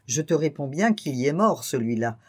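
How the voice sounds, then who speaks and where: Fretful hypochondriac gentleman in a storybook reading, pitched up and loud, put on by the narrator. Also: very animated, normal speed, breathy edge. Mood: suspicious. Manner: fretful, exclamatory, suspicious. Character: fussy anxious middle-aged bourgeois man.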